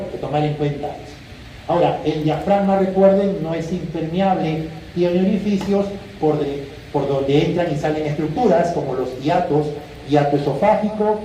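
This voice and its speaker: A male physiology lecturer who quizzes his students, sometimes acting out patients and students in a lively way. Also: fairly high pitch. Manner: quizzes students with questions and answer options; animated, acts out patients and students. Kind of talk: classroom lecture. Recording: echoey room, distant mic, faint hiss.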